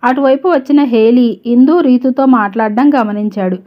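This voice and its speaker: Woman storyteller, steady even narration, fairly high voice, slightly muffled lo-fi recording. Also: normal speed.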